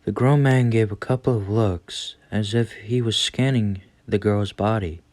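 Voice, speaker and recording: A man's voice: on the low side, fairly even intonation, measured pace, a little mellow, dry recording. A man narrating a scripted horror story as its storyteller.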